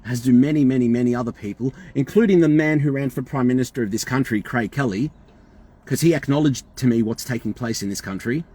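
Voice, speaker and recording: A man's voice: mid-range voice, fast, warm tone, breathy edge. An Australian man calling a hotline, talking in an insistent, emphatic and repetitive way. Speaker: caller. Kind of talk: phone call complaint.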